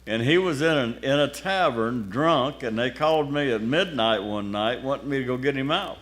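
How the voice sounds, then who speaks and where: A man's voice: medium pitch, normal speed, a bit bright. An older male pastor telling his own story from the pulpit. His talk is folksy and colloquial, with a wry, plainspoken turn. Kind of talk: sermon testimony storytelling.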